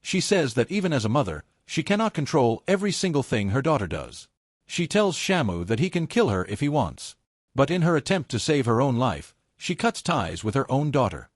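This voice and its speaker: Man, scripted story recap narrator, lively rising and falling pitch, dry close sound. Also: fairly quick, dry recording.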